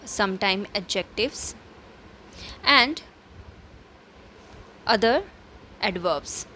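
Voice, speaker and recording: A woman's voice: medium pitch, animated, drawn-out words, bright, forceful tone, slight background noise. A woman teacher explaining grammar step by step, asking and answering her own questions, with fillers and self-corrections. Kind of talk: recorded grammar lesson.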